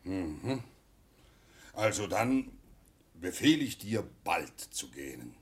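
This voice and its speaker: An actor playing a pompous, lonely old king in a children's audio drama, with an imperious, drawn-out, husky delivery. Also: low voice, big pitch swings, exaggerated voice. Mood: grandly commanding. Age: older.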